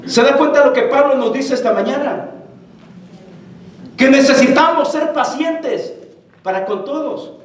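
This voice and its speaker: A man preaching a lively sermon as pastor, calling the congregation brothers. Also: very high-pitched, unhurried, long pauses, a little hiss or hum. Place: church sanctuary. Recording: echoey church hall from far off.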